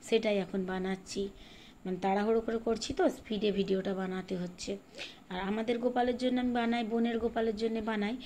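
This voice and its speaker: A middle-aged woman from Bengal chatting in a rambling way while she bakes in her home kitchen, sometimes speaking softly. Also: medium pitch, steady tone, a little fast. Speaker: home cooking vlogger. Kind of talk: casual chat while baking. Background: fan hum and rain outside.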